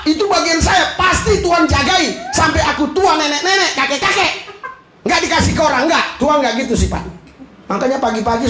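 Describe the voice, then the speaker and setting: A man preaching a lively, joking sermon as a pastor, often shouting and laughing. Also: extremely high pitch. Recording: echoey hall with congregation.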